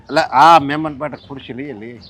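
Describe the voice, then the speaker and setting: A man's voice: mid-range voice, brisk, a bit bright, breathy edge. A man playing a generous family man who reassures a troubled relative. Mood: reassuring. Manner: reassuring, lecturing. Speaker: head of household. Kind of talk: rural family stage drama.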